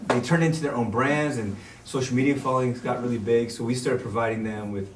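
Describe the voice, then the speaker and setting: Animated slangy man, casual chat, heard from off-mic in a roomy space. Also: medium pitch, a little fast, far from the mic. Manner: animated, slangy, talks through numbers. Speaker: app business owner.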